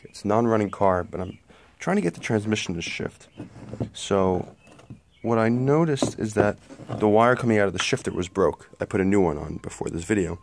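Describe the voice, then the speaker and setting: This casual how-to vlog shows a man at a tented garage workbench walking through a car part repair, phone held close in one hand. His voice is on the low side and a little mellow, with slight hiss or hum, and he talks plainly, sounding somewhat apologetic.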